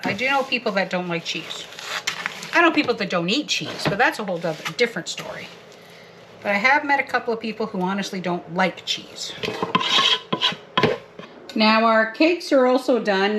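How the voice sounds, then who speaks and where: A woman's voice: mid-range voice, noisy background. Casual home-cook woman, giggly and talkative, faint kitchen ambience. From Canada. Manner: chatty, giggly, talks to viewers while working. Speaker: homestead vlogger. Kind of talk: casual cooking vlog.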